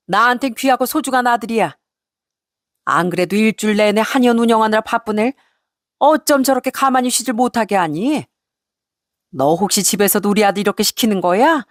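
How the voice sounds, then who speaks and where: A woman voicing a sharp-tongued, possessive mother-in-law who scolds in a raised, scornful voice. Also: moderate pace, no echo, clean studio sound, lightly acted. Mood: scolding. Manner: nagging, scornful, raised pitch.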